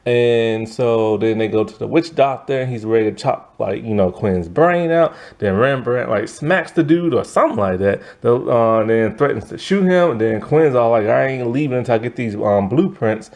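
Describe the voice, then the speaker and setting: A man's voice: mid-range voice, expressive, normal speed, hardly any pauses, darkish tone. A young man casually recapping a TV episode in a loose, slangy, exasperated way, full of fillers and restarts. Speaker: TV episode reviewer.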